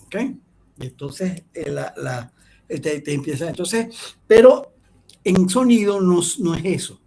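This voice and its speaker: A middle-aged man lectures an online class in a gravelly, husky voice. He sits a little high for a man and rambles, restarting phrases and checking in with his listeners. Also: measured pace, darkish tone.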